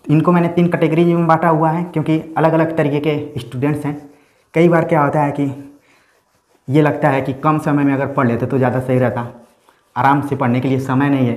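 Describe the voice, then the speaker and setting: A man's voice: a little high, little pitch movement, brisk, darkish tone. A man teaching an exam-prep lecture, explaining step by step and often checking in with his students. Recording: echoey room.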